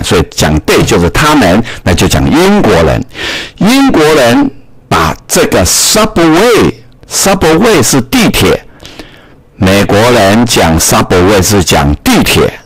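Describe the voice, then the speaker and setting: A man's voice: lowish voice, slightly rough, dry recording. A man teaching a reading lesson, explaining step by step and repeating key words. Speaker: English teacher.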